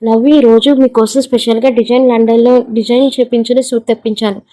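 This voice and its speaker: A fond young mother who coaxes her children and nags her husband, with a soft, mellow voice that stays flat and even, as a woman narrator reads her part. She speaks a little high. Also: quick pace, natural voice, rough recording. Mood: coaxing. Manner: fond coaxing talk. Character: loving young mother, playful and scolding.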